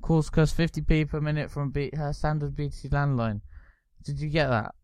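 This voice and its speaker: Guy, podcast co-host, smooth mid voice, dry close sound, rambling with a crude streak. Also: a little high, moderate pace, a little mellow, no room sound. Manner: rambling, swearing, mock-announcer asides. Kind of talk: casual banter with a friend.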